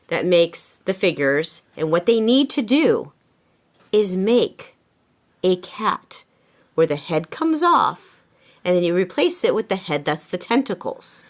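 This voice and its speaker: A woman co-hosting a movie podcast, chatting casually and retelling scenes in an animated way. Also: lowish voice, slow. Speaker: podcast co-host. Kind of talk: casual chat.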